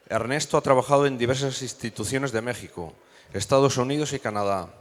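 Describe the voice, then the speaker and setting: A man opens a beekeeping event and reads the guest's biography aloud. His voice sits at a middle pitch, and he stumbles a little over the prepared text. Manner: reads a prepared bio aloud with small slips. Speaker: event organizer introducing a speaker. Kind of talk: reading a speaker introduction.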